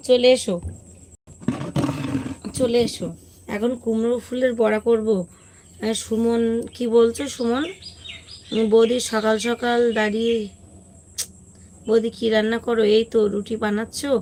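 A chatty woman hosts a casual live stream, her voice slightly high and hoarse. She greets viewers one after another in an easy, friendly way, with faint outdoor ambience in the background. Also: flat delivery, normal speed, long pauses, darkish tone, a little hiss or hum.

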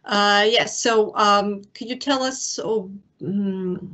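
A woman interviewer asking questions over a video call from a room at home, halting and stumbling with fillers. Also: mid-range voice, pushed and bright. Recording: muffled video call audio.

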